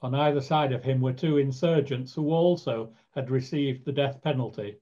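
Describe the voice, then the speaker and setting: Mellow male narrator, lo-fi. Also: mid-range voice. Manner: measured storytelling. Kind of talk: scripted scripture narration.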